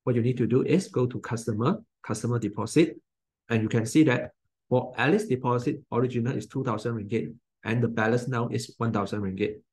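A man in his forties with a Malaysian English accent, talking through a software tutorial in plain step-by-step instructions. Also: medium pitch, brisk, husky. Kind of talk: screen-recorded software tutorial.

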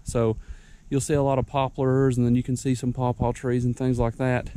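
A man's voice: medium pitch, little pitch movement, normal speed, mellow, a little hiss or hum. A young man, out of breath, giving folksy, rambling how-to tips outdoors on a wooded mountainside. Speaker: ginseng hunter vlogger. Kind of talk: casual outdoor how-to vlog.

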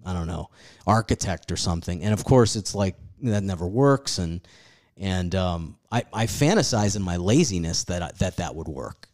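Low-voiced guy in his 40s, comedian rambling on a podcast, cursing and running himself down. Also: expressive, normal speed, darkish tone. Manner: rambling, self-deprecating, swears freely. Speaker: comedian guest. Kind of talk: casual podcast chat.

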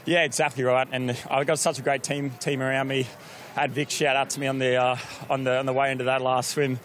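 A man who has just won a race talks quickly and loosely, full of "uh" and restarts. He is shivering in the cold outdoors, with faint outdoor ambience behind him. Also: mid-range voice, flat delivery, fairly bright tone, slight background noise. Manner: breathless, chatty, many fillers and restarts. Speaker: triathlete, race winner. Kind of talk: post-race interview.

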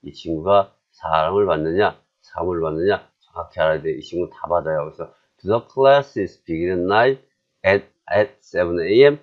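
A man with a Korean accent teaching English grammar, chatty and self-deprecating, drilling phrases slowly. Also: low voice, dull audio. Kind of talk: classroom grammar lesson.

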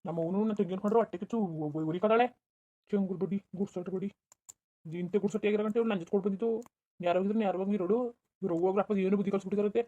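A bossy, quick-tempered village husband, as a performer voices him in a cartoon quarrel. He berates his wife. His words tumble out at a rushing speed. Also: mid-range voice, fairly even intonation, muffled recording, lightly acted. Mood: angry berating. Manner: shouting, berating, rapid. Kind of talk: cartoon voice acting.

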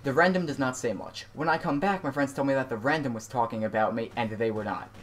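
A man's voice: medium pitch, fast. Man, prank video host, scripted intro narration, matter-of-fact, speedy delivery.

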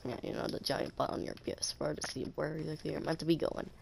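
A man's voice: a little high, little pitch movement, quick pace, creaky, slight background noise. A young man with a stuffy nose giving casual, sarcastic commentary while playing a game, joking and talking to enemies. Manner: sarcastic, jokey, talks to enemies. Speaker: gameplay commentator. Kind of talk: casual let's-play commentary.

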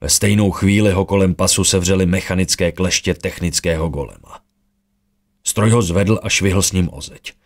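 Man, deep voice, fantasy audiobook narration, steady storytelling.

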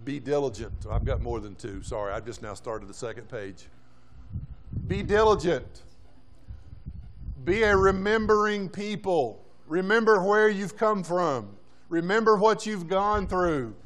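High-voiced man preaching a sermon. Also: measured pace, a bit bright, a little hiss or hum. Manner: exhorting, repeats short commands, asks the congregation questions. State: out of breath. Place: church sanctuary.

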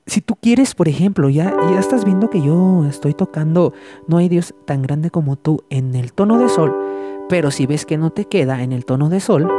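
A man giving a casual spoken piano tutorial, chatty and stumbling over words as he explains. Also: a little high. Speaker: piano teacher. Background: piano playing.

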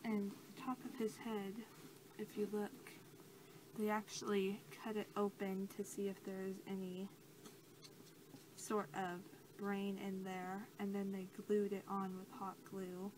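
A young adult woman, an ASMR creator, role-plays a creature examiner, speaking gently and haltingly in a hushed voice that often drops toward a whisper. Her pitch is medium and her delivery completely flat. The noisy amateur home recording was made indoors in a small cluttered room.

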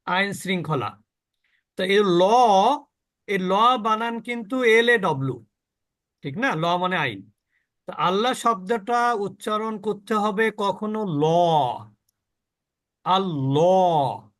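Man, Quran pronunciation teacher, higher voice, unhurried, explaining, drawn-out model words. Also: bright, forceful tone. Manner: slow, explaining, asks questions of the class.

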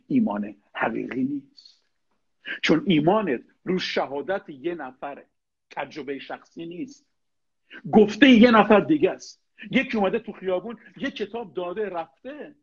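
A man's voice: sits high, animated, gravelly, husky, lo-fi sound. A middle-aged man, a pastor, preaching a sermon, asking his listeners pointed rhetorical questions and addressing them directly.

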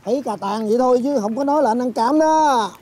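Brief: a scruffy, good-humored delivery driver, rapid everyday banter. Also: male voice, very high voice, warm tone, low-quality recording. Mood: amused. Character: easygoing working-class man, scruffy but good-humored. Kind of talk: TV drama acting.

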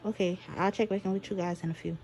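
A woman's voice: mid-range voice, fairly even intonation, quick pace, darkish tone. A woman vlogger talking casually and chattily to her viewers into a handheld phone. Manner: informal, chatty address to viewers. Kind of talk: casual vlog talk to viewers. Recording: noisy handheld phone recording.

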